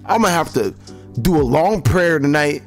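A hoarse young man hosting a horror game video, talking excitedly in slang and addressing his viewers often. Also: a little high, normal speed, soft background music. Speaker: gaming channel host. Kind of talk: horror game reaction and outro.

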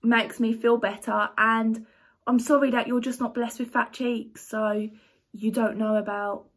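A woman's voice: fairly high pitch, flat delivery, measured pace. A young woman reading viewer comments aloud and answering them in a chatty, blunt, sarcastic way in a casual vlog. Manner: reads comments aloud, then reacts.

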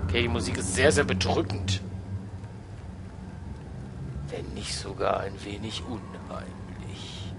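A man's voice: lowish voice, takes it slowly, gravelly, long pauses, very noisy. A man commentating a video game as he plays, muttering to himself and shrieking when startled. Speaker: let's play gamer.

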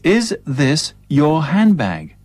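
A man's voice: fairly high pitch, wildly swooping pitch, a little mellow, dry recording, exaggerated voice. A man playing a polite man in a textbook dialogue. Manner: slow, carefully enunciated textbook dialogue. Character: polite man returning a lost handbag. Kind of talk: English textbook dialogue recording.

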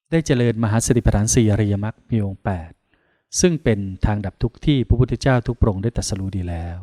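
A man from Thailand, a Buddhist monk, leading a guided meditation in slow, calm, soothing instructions with pauses. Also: fairly low pitch, no echo, clean studio sound.

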